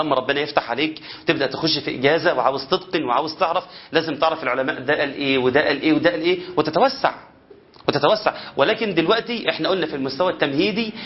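A man with an Egyptian Arabic accent gives a spoken tajweed lesson on Quran recitation, repeatedly posing rhetorical questions and demonstrating how the letters should sound. His voice is on the high side, and the sound is lo-fi.

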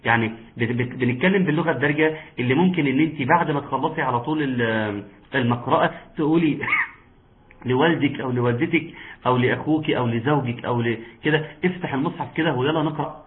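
A man with an Egyptian Arabic accent teaching an online Quran recitation lesson, patiently explaining and slowly modeling sounds for his students. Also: medium pitch. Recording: tinny phone-like line.

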